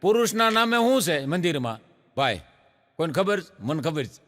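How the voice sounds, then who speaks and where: A man telling jokes as a stand-up comedian, animated and storytelling. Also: a little high, normal speed, in a large hall. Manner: animated joke-telling with audience laughter. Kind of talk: Gujarati folk comedy storytelling.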